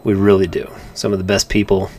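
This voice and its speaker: A man with a lowish voice chats through a live drawing session. He rambles, repeats words and restarts his sentences. Faint noise sits under his voice. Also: level tone, brisk, a little mellow. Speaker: comic artist co-host. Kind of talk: casual chat while drawing on a livestream.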